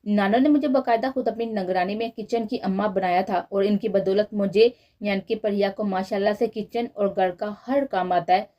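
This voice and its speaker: A woman voicing a proud, sharp-tongued young wife in a storybook reading, tart and self-assured. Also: medium pitch, fairly even intonation, normal speed, few pauses, dull audio, close to an everyday voice. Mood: smug.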